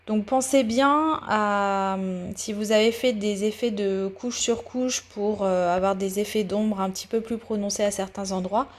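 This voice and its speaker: A woman talking through a paper craft tutorial in a voice-over, hesitant, with many pauses and fillers, explaining each step patiently. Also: medium pitch, a little mellow.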